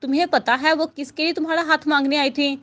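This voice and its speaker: A woman's voice: high voice, fairly even intonation, fast talker, fairly bright tone. A woman voicing an angry, indignant widowed mother who scolds her daughter, in a storybook reading.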